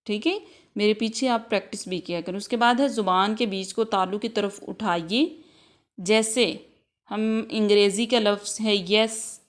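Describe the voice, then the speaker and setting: A woman with an Urdu accent leads a Quran recitation lesson in a steady, patient teaching voice. She drills each letter sound three times over and slips English words into her explanations. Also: medium pitch. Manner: mixes Urdu with English words like next, practice, examples. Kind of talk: tajweed lesson with repetition drills.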